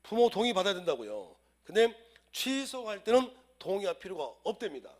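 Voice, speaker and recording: Lively Korean law lecturer, man. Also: high voice, a little fast. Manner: lively, drills students in chants, acts out scenes. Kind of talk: exam-prep lecture.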